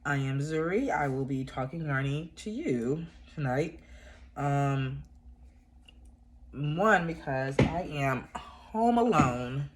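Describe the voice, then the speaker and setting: A woman with a deep, animated voice speaks slowly, with slight background noise. Congested from a cold, she sounds stuffy as the yarn crafting vlogger chats about crochet with viewers from indoors at home, rambling with many fillers and restarts.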